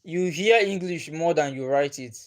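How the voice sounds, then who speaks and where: Casual livestream chat comes from a male host reading comments, his voice fairly high and his pace moderate. Igbo is his mother tongue. He keeps a patient manner, often repeating himself and letting out chuckles.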